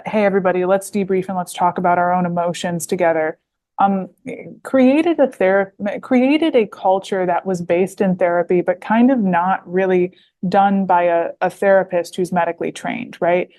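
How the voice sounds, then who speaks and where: A woman in her twenties from the United States, appearing as a guest author on a podcast interview. Her lowish, mellow voice moves at a normal speed, and she rambles, filling her talk with fillers and restarts.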